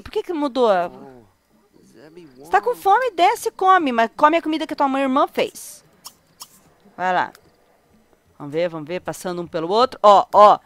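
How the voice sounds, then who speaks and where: A young Brazilian woman with a cold, chatting casually as she plays a life sim game and talks to her characters and viewers. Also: sits high. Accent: Brazilian Portuguese. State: has a cold. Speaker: gaming video host. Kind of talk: casual let's-play commentary.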